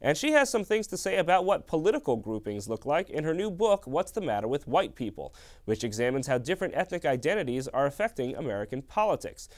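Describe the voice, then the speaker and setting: A man's voice: fairly high pitch, very animated, fast talker. A man anchoring a news program, introducing stories in a conversational way. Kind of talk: news presenting.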